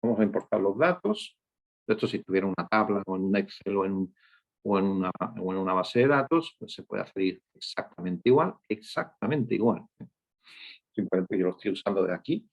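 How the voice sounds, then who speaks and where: A man's voice: sits low, expressive, a little fast. A man teaching a screen-share coding lesson, explaining step by step and checking in with his listeners after nearly every point. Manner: explanatory, frequent "¿eh?" and "¿ok?" check-ins. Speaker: data instructor. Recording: dull lo-fi sound.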